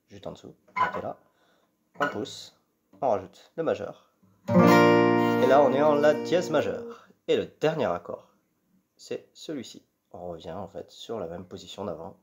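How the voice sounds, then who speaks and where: A man teaching guitar chords and strumming in a patient, step-by-step way, singing the strum patterns with syllables. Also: lowish voice. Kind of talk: casual guitar tutorial. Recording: guitar playing loud behind speech. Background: acoustic guitar.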